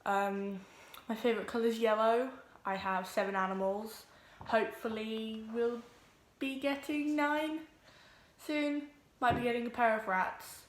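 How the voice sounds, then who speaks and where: A teenage girl, introducing her vlog at home, nervous and quick, with lots of ums. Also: on the high side, steady tone, echoey room. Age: teens. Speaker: vlogger. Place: home room with pets.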